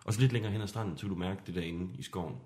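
A low-pitched man hosts a podcast as game master, narrating an improvised adventure in a hushed, suspenseful manner.

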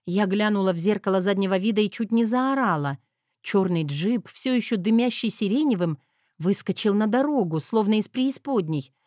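A woman reads a first-person audiobook with a wry, expressive delivery. Her pitch rises and falls freely, and the recording is close and dry with no room sound. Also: normal speed, no echo. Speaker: audiobook narrator.

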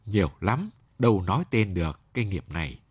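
A husky, blunt young woman dancer speaking in a lively, swooping voice, as a male storyteller puts her on. She sounds tired of her hard life and talks frankly, with a close, dry sound. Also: low-pitched, fairly quick, no room sound, exaggerated voice. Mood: weary frank.

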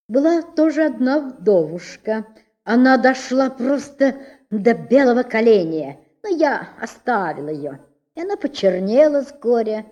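Storybook figure: a vain male shirt collar, a boasting dandy who fawns and swaggers, acted by a woman reader. Lively melody, dull lo-fi sound. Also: mid-range voice. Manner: fawning, flowery, boastful.

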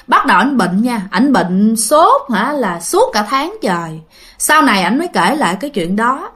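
A woman's voice: fairly high pitch, fairly bright tone. A woman with a Southern Vietnamese accent casually telling a ghost story, chatting to listeners with fillers and repeats.

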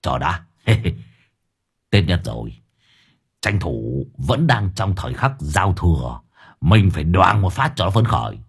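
A man voicing a shrill, scheming old village man who shifts between panic and mockery. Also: big pitch swings, moderate pace, breathy edge. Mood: gleeful.

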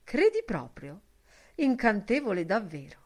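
A woman reading an audiobook, voicing a brash, mocking young man who talks loudly and theatrically. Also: mid-range voice, wildly swooping pitch, measured pace, voice pushed up. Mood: mock-solemn. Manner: loud, theatrical, teasing.

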